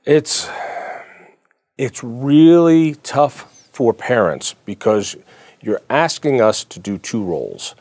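A man's voice: medium pitch, lively intonation, slow pace, darkish tone, dry recording, studio quality. A man hosting an interview, talking earnestly and personally, often restarting his sentences. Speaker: interview host. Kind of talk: interview conversation.

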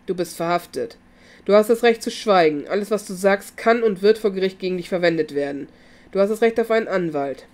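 A woman's voice: mid-range voice, brisk, a little mellow, close to an everyday voice. A woman reading the lines of a brutal, coolly menacing male police detective in a taunting manner. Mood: coldly formal.

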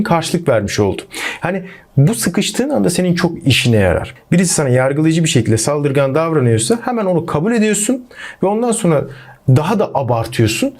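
Fast, animated man giving advice. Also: on the high side. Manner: lively, animated, addresses viewers as friends. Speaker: relationship advice youtuber. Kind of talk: advice monologue to camera.

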